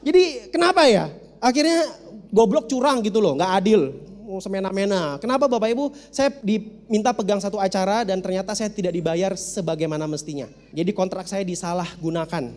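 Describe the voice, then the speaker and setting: A man's voice: high-pitched, a little fast, darkish tone. A man giving a storytelling seminar talk as a motivational speaker, humorous and speaking straight to his audience. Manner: humorous, addresses the audience directly. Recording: reverberant hall.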